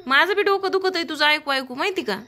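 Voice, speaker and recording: A woman's voice: very high voice, fast, bright, forceful tone. A woman in her thirties from Maharashtra with a Marathwada Marathi accent, talking casually and affectionately to her child at home for a vlog. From Maharashtra, India. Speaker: vlogger mother. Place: family home. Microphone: phone camera.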